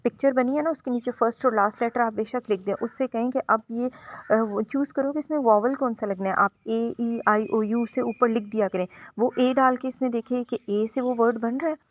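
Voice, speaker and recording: A woman's voice: fairly high pitch, fairly even intonation, moderate pace, lo-fi sound. A woman teaching a home-schooling phonics lesson, explaining patiently and drawing out each letter sound.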